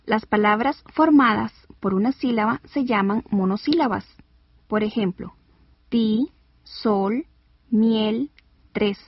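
Female radio lesson host, deliberate scripted delivery, husky edge, muffled old broadcast. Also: on the high side, no room sound. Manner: clear, deliberate, spells out words slowly. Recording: dull lo-fi radio recording.

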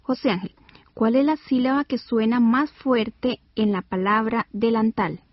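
Female radio lesson host, deliberate scripted delivery, husky edge, muffled old broadcast. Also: a little high, fairly even intonation, no room sound. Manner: clear, deliberate, spells out words slowly. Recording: dull lo-fi radio recording.

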